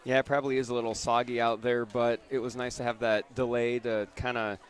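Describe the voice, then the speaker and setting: A man with an ordinary mid-range voice is working as color commentator for a small-town football broadcast. He speaks in a relaxed, conversational way, the way a friend chats from the booth. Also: medium pitch, fairly quick. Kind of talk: local high school football broadcast.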